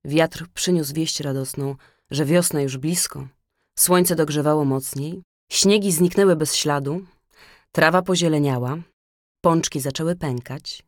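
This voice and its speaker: Woman narrator, deep voice, dry close sound, calm measured fairy-tale reading. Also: no room sound.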